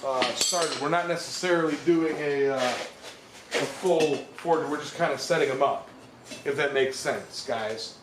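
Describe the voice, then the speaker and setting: A man's voice: fairly high pitch, a little slow. A man with a folksy, informal manner, chatting casually with viewers as a livestream host. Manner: folksy, informal address to the audience. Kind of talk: casual live-stream chat with viewers. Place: forge workshop. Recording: echoey workshop, loud background noise.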